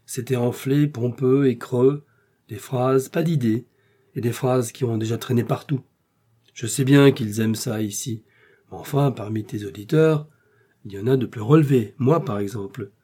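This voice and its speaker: A man voicing a sarcastic, blunt young gentleman in an audiobook, speaking with mocking emphasis. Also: mid-range voice, moderate pace, breathy edge, natural voice. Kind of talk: audiobook character reading.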